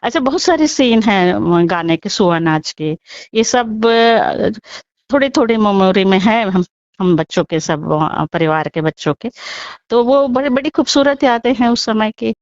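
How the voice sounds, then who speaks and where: A woman in her seventies, recalling childhood memories over the phone in a halting way, with many pauses and restarts. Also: medium pitch, expressive, no room sound. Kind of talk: phone interview reminiscence. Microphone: phone call. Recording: muffled dry phone line.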